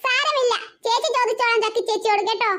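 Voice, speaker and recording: A woman voicing a gentle, caring older sister in a cartoon, speaking soothingly. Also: very high voice, quick pace, noisy background. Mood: tender. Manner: soothing, tender. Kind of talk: cartoon voice acting.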